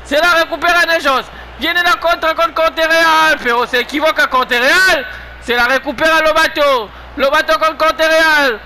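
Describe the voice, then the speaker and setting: A man giving excited play-by-play football commentary of a video game match, given to shouted, repeated goal calls. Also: extremely high pitch, unhurried, slight background noise.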